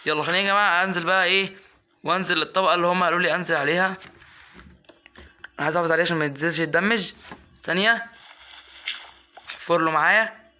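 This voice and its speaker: Young Egyptian man, gaming commentary, quick and slightly high, chatty and exasperated with his pet. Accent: Egyptian Arabic. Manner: chatty, coaxing and scolding his in-game pet, flaring into excited yelps. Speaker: gaming YouTuber. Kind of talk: casual gameplay commentary.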